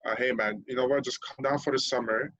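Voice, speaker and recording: A man's voice: mid-range voice, fairly even intonation, fast talker, fairly bright tone, no room sound, muffled recording. A young man from Lebanon, a podcast guest telling his story candidly in casual chat, swearing freely and laughing at himself.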